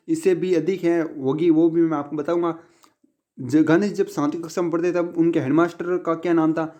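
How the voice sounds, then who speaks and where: A man's voice: a little high, dark tone. A man teaching exam questions, often asking a question and answering it himself. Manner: repetitive, asks and answers his own questions. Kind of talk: casual exam-prep lesson.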